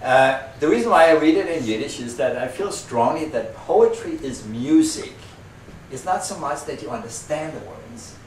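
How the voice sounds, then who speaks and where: A man's voice: a little high, animated, moderate pace. A man with a Danish accent giving a rambling, self-deprecating introduction to a poem at a party, with many fillers and restarts. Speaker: musician introducing a poem reading. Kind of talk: informal spoken introduction at a party. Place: room at a party. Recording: echoey room, distant mic, faint hiss.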